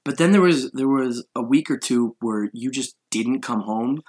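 A man's voice: medium pitch, normal speed, noisy background. A young man hosting a podcast, chatting casually and rambling through a story, laughing often. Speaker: podcast host. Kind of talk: casual chat.

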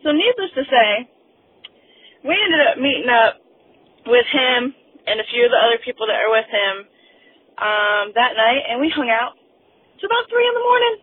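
A woman leaving a gushing, excited voicemail on speakerphone from her car, over a phone line. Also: on the high side, normal speed, long pauses, breathy edge. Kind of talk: casual rambling phone message. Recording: tinny phone line with faint car noise.

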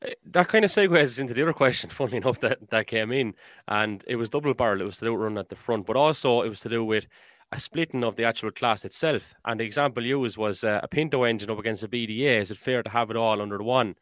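A man's voice: medium pitch, fast talker, a bit bright, dry recording. An Irish man hosting a podcast in a casual, conversational style. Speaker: podcast host. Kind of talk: casual chat.

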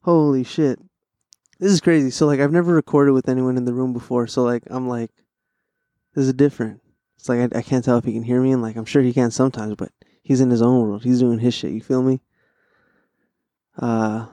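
A stoned young man hosts a casual solo podcast. His voice sits at a medium pitch in a dry, echo-free recording. He talks in loose, profane bro slang, circling back over his own phrases. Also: fairly even intonation, fairly quick, warm tone. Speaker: podcast host.

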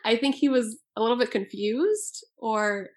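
A woman's voice: fairly high pitch, unhurried. A woman in her twenties, born in Albania, speaking as an author in an earnest, thoughtful interview. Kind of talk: interview answers.

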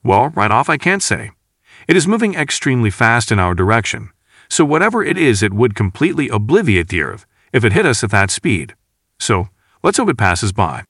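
A man reading the part of a male station chief scientist in an audiobook, explaining things in a calm, measured way. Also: mid-range voice, breathy edge, no echo, clean studio sound, exaggerated voice.

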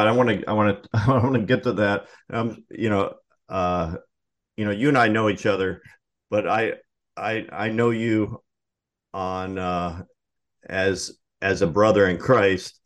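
A man hosts an interview, asking long, hesitant questions full of ums and restarts. His voice is slightly low, and he keeps the tone conversational. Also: steady tone, measured pace. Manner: hesitant, filler-heavy questions. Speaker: interviewer, host.

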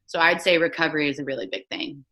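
Her voice sits low and comes out fast, bright and forceful. She's a twenty-something former soccer player chatting casually as a guest over a video call in a remote interview, using plenty of "like" fillers.

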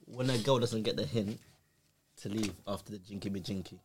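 A man's voice: fairly low pitch, brisk, darkish tone, slight background noise. A young man hosts a podcast in casual, slangy chat. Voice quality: urban street slang delivery. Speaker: podcast host.

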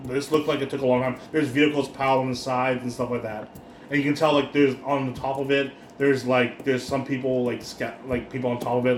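A man runs a tabletop session as game master. He describes scenes in a rambling way, full of restarts. The room is echoey, with a faint background hiss. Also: medium pitch.

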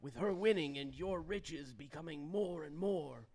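A man's voice: a little high, a little slow, a little mellow. A man in improvised comedy playing a nervous, deferential mayor's aide and fight promoter who stammers. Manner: stammering, hesitant.

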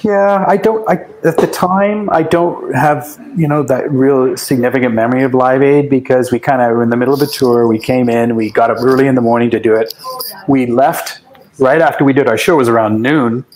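A man's voice: mid-range voice, steady tone, a little fast, a little mellow, low-quality recording. A man, a guest musician, telling rambling anecdotes in a casual interview, often restarting his sentences.

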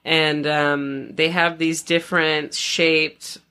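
A woman's voice: low voice, level tone, slow, pushed and bright, clear, resonant tone. A young adult woman co-hosting a podcast, chatting in a laid-back way with casual swearing and plenty of fillers. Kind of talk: casual chat.

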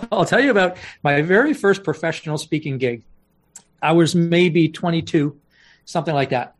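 A man's voice: a little high, animated, moderate pace. A man, a professional speaker, telling anecdotes with punchlines in an interview and laughing easily. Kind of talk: storytelling interview talk.

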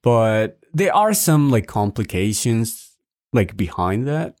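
Lively, hesitant low-voiced man. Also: takes it slowly, no room sound, clean studio sound. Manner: hesitant, many fillers, lively pitch. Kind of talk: casual chat.

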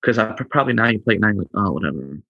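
A man's voice: fairly low pitch, steady tone, very fast, creaky, no echo, dull audio. A man co-hosting a podcast in casual chat, laid-back and stumbling over his words. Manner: laid-back, stammering restarts, says bro. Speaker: podcast co-host.

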